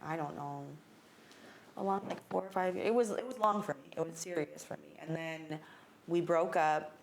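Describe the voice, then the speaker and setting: Candid woman telling a story, low voice. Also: normal speed, creaky, a crowd in the background. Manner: candid storytelling, swears freely. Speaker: guest. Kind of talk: casual chat.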